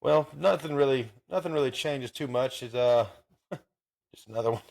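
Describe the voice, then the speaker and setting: A man's voice: mid-range voice, normal speed, creaky, darkish tone, no echo, studio quality. A man in his thirties hosting a casual sports podcast, rambling and swearing in a laid-back way. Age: 30s. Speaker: podcast host.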